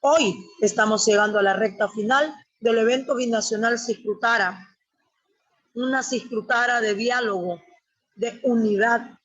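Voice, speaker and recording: A woman's voice: fairly high pitch, fairly bright tone. Emphatic woman giving a speech. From Honduras, la Mosquitia. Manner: emphatic, declamatory, with long lists. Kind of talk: formal webinar address. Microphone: webinar audio feed. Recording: dull lo-fi webinar audio.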